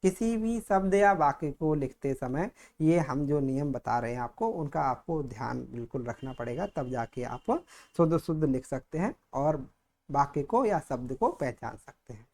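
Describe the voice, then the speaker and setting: A man's voice: mid-range voice, animated, moderate pace, a little mellow. A man teaching a grammar lesson for exam preparation, saying each word more than once in a dictating way. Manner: repeats each word, dictating-style explanation.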